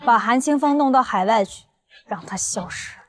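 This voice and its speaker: A cold, ruthless middle-aged chairwoman in a drama, acted by a woman. Her voice sits fairly high as she gives commands. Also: moderate pace, lightly acted. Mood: cold, commanding. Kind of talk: villain drama acting.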